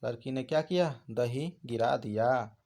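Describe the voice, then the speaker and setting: A man's voice: medium pitch, a little slow, dark tone. A man teaching an exam prep lesson, asking questions and answering them himself. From India.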